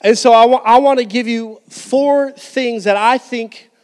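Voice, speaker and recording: Holding a mic on a church stage, a man in his thirties delivers an emphatic sermon, gesturing and restarting often. His voice is very high-pitched, steady and a little mellow, and he takes an unhurried pace. The medium-sized indoor hall gives the recording a long reverb.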